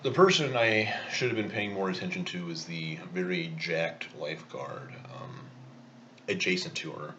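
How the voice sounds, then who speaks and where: A man's voice: deep voice, moderate pace, bright, forceful tone, muffled recording, a little hiss or hum. A man telling a rambling, self-mocking story in a casual vlog while eating. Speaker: vlogger.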